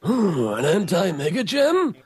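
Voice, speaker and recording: A man voicing a gruff old male rabbi who owns a deli, with a husky, shouty delivery. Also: sits high, huge pitch swings, measured pace, faint music behind, exaggerated voice. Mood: booming.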